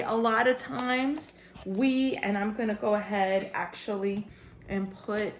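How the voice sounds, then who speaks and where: A woman talks viewers through her own home cooking demonstration in a chatty, upbeat way. Her voice sits a little on the high side, and she keeps calling the audience "guys" as she explains each step. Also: vocal fry, echoey room, slight background noise. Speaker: cooking channel host.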